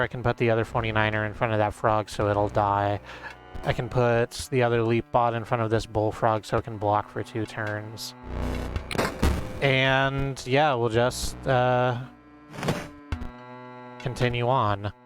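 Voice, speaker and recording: A man's voice: medium pitch, little pitch movement, unhurried. A man giving casual video game commentary, thinking aloud in a rambling way as he plays. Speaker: game streamer. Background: music.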